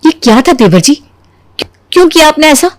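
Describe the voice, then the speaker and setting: A sensible young sister-in-law in a cartoon, chatty and persuasive, voiced by a woman. Her voice is high and dry. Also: very animated, normal speed, no echo.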